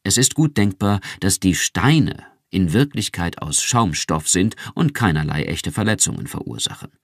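A man's voice: low voice, sing-song, normal speed, dry recording, studio quality, exaggerated voice. A man reading an audiobook, voicing a male research chief with a brittle, pedantic voice.

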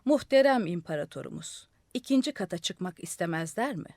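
A woman doing a slow, knowing old man. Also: on the low side, lively intonation, a little mellow, no echo, clean studio sound. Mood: courtly flattering. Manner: slow, unhurried, measured. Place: radio studio.

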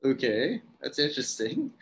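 A man's voice: fairly high pitch, big pitch swings, takes it slowly. A man hosting an interview podcast, who mostly gives short encouraging replies and laughs. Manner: brief encouraging backchannels and laughs. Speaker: podcast host.

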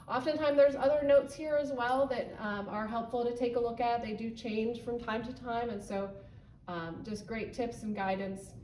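In a barn office with a wood-paneled wall, a woman in her thirties walks volunteers through a board, pointing as she goes and using frequent ums. As a volunteer trainer, her voice is on the high side with a darkish tone. Slight background noise and faint ambience come through a roomy, slightly distant recording.

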